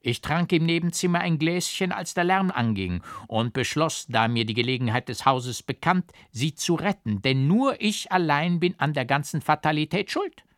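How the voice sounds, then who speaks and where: A man's voice: fairly high pitch, animated, moderate pace, few pauses, a bit bright, no room sound, studio quality, pitched above the performer's own voice. A man voicing a small comical male wigmaker who speaks in grandiloquent, flowery phrases with French touches. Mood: pompous.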